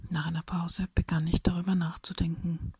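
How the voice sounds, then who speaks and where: A woman reading a reflective personal story aloud in a soft, breathy whisper, slowly and thoughtfully. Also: lowish voice, level tone, dry recording.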